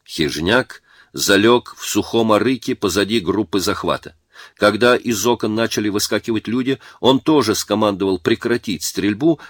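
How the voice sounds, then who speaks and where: A man narrating a war story in a measured, dramatic reading. His voice sits low, and the sound is dry and close with no room echo.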